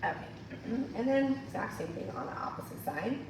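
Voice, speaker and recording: In a noisy, echoey room picked up by a distant mic, a woman hair colorist demonstrates a coloring technique in a chatty tutorial, calling her viewers "you guys." Her mid-range voice is very animated and fairly quick, and it is still recovering from having been lost.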